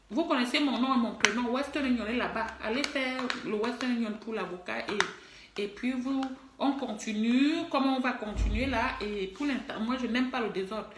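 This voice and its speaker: A woman's voice: fairly high pitch, noisy background. A middle-aged woman, an online personality and musician, talks straight to her followers in an emphatic, scolding way and repeats herself often. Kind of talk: direct-to-camera social media video. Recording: roomy echo.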